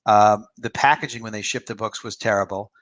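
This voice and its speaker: A man's voice: on the low side, steady tone, brisk, a bit bright, dry recording. A man in his fifties, an author and publisher, giving his opinions in a rambling, casual livestream chat with a dry close sound. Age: 50s.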